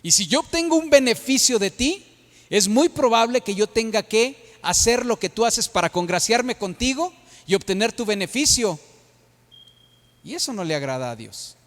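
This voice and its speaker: A man's voice: high voice, animated, moderate pace. A middle-aged Mexican man preaching a sermon as pastor, with a Mexican accent, often checking in with the congregation by tag questions. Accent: Mexican Spanish. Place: church hall. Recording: long reverb of a church hall.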